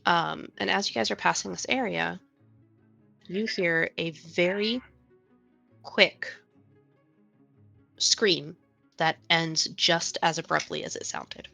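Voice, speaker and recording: A woman narrates a tabletop game as game master, in a low voice full of vocal fry. She speaks slowly and haltingly, with many fillers. The sound is dry, with faint music playing behind her. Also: pushed and bright, dry recording.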